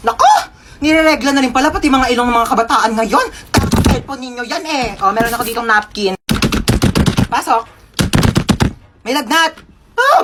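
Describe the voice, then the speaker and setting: A woman acting out playful comedy skits with bursts of shouting. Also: sits high, background noise. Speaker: comedy skit creator.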